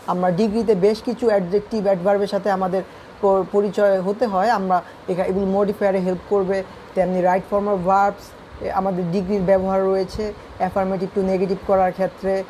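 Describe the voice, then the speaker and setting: A woman with a Bangladeshi accent leads an online grammar lesson, walking her students patiently through each rule. Her voice is soft and mellow rather than bright. A faint hiss of background noise sits under the recording. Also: mid-range voice, poor audio. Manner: patient, explains step by step to students. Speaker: English grammar teacher.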